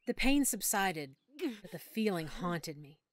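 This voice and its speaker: A woman narrates a first-person audiobook, telling the story in a soft, emotional way. Her voice is on the low side, animated, and unhurried.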